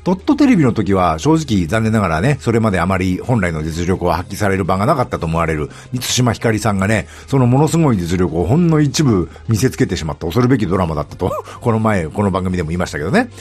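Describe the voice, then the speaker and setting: A man's voice: deep voice, big pitch swings, fast, hardly any pauses, a little mellow, breathy edge. A middle-aged man hosting a podcast, talking casually and rambling with many fillers and asides. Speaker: podcast host. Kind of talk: casual solo talk about a TV drama.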